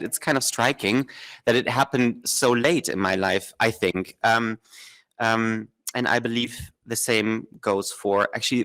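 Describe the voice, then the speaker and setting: A man's voice: on the low side, fairly bright tone. A young man from northern Germany speaking as a panel guest, reflective and often correcting himself mid-sentence. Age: young adult. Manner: thoughtful, self-correcting, many fillers.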